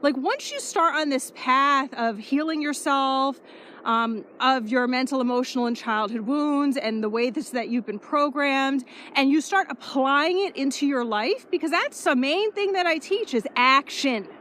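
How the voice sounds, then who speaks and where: A woman speaking as a spiritual life coach in a casual walking vlog, energetic and repetitive, swearing offhandedly. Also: high voice, measured pace, slight background noise. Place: outdoors, power walking.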